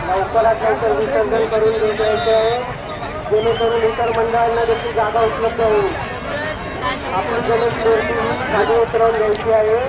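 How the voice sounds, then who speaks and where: A man announcing instructions over a PA loudspeaker at an outdoor festival, repeating each instruction insistently. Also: sits high, heavy background noise. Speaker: event announcer. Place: outdoor festival beach crowd. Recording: echoey loudspeaker amid loud crowd.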